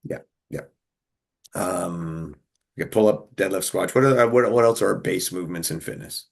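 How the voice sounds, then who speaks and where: A man with a very low, gravelly voice chats loosely on a podcast. He thinks out loud as he goes and cracks jokes at his own expense. His tone stays husky throughout. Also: normal speed. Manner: thinks aloud, jokes and laughs at himself. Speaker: podcast co-host. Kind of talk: casual fitness podcast chat.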